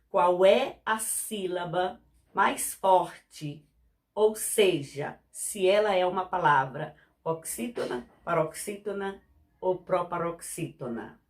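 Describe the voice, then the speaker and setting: Slow, patient woman teaching. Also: mid-range voice. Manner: slow, patient, repeats examples and checks understanding. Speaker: Portuguese teacher. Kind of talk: classroom explanation.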